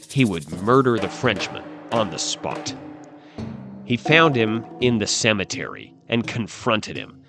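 A man narrating a dark history tale in a measured, suspenseful way. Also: medium pitch. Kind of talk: dramatic history storytelling. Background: faint music.

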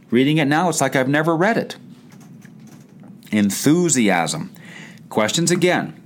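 Emphatic man giving a motivational talk. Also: mid-range voice. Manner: emphatic, repetitive, rhetorical questions. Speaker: chiropractic practice coach.

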